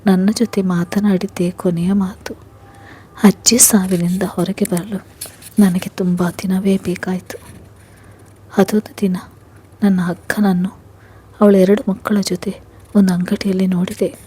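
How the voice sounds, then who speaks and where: A woman narrating a first-person family story in a soft, hushed, emotional way. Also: mid-range voice, flat delivery, unhurried, long pauses, slight background noise.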